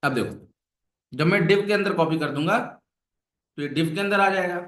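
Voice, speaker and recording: A man's voice: high voice, moderate pace, fairly bright tone. A man teaching a coding lesson to a class, coaxing and repeating questions to his students. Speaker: web development instructor. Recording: echoey room.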